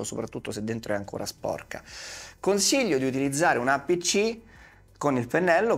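A man in his thirties gives casual instructional commentary in colloquial speech, talking straight to the viewer with rhetorical questions. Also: mid-range voice. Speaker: car detailing presenter. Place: small padded studio, seated at a desk. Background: music.

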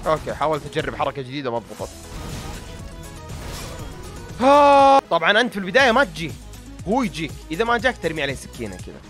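A man's voice: a little high, big pitch swings, racing, pushed and bright, faint music behind. A young man with a Gulf Arabic accent giving casual gameplay commentary, grumbling and joking at himself, his voice tired and strained. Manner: grumbling, self-mocking, talks straight to viewers. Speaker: gaming YouTuber.

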